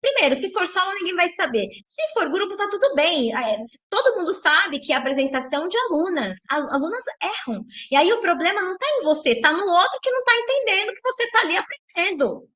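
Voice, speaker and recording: A high, bright and forceful woman's voice with a Brazilian Portuguese accent. She is a belly dance teacher chatting with her viewers on a live stream, tagging her sentences with a questioning "né?" and reading their chat messages aloud. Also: big pitch swings, a little fast, few pauses. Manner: chatty, tags lines with "né?".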